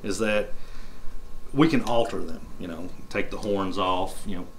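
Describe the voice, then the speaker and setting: A man's voice: low-pitched, measured pace, a little hiss or hum, poor audio. A young man who works as a mask artist, talking eagerly in an interview and repeating himself, recorded in a workshop showroom by a camera mic. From Wisconsin. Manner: eager, rambling, repeats phrases. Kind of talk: interview, casual explaining.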